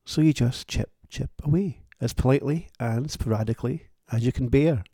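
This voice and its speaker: A man's voice: medium pitch, normal speed, warm tone, husky, no echo, clean studio sound. A man who writes books, hosting his own show in a wry, plain-spoken and thoughtful solo monologue. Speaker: author and podcast host.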